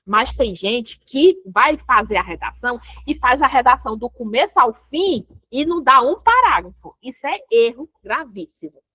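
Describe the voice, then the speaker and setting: A woman's voice: on the high side, sing-song, normal speed, hardly any pauses, breathy edge, no room sound. A woman teaching essay writing with a Brazilian Portuguese accent in an online class, explaining step by step and answering her own questions. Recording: dull, dry lo-fi audio.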